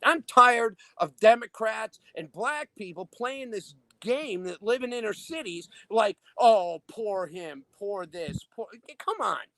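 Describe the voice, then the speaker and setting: A man with a notably high-pitched voice speaks with emphatic indignation, piling up rhetorical questions in a heated political discussion. The recording is dry and close, with no room sound. He talks like a host who is used to holding the floor. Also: expressive, slow pace, hardly any pauses, a bit bright, dry recording. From Illinois. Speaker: show host.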